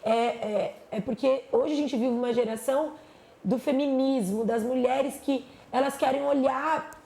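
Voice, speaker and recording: A woman, a pastor chatting on a podcast, animated and acting out the voices she quotes. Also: high-pitched, unhurried, vocal fry. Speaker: pastor and psychologist guest. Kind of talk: casual podcast chat. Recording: echoey room with faint noise.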